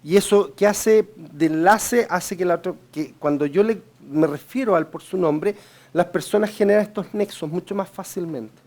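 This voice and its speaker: A man's voice: high-pitched, normal speed, a little mellow. A man with a Chilean accent giving a sales training lecture. He coaches the audience directly and keeps checking in with them by asking "right?". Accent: Chilean Spanish. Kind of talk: seminar lecture.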